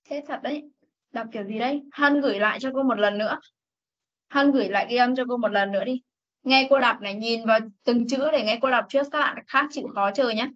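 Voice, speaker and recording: A woman teaching an English class over a video call, reading sentences slowly for students to repeat and correcting them firmly. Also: a little high, fairly bright tone. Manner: reads English slowly for repetition, scolds firmly. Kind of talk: online class instruction. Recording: dull lo-fi meeting recording.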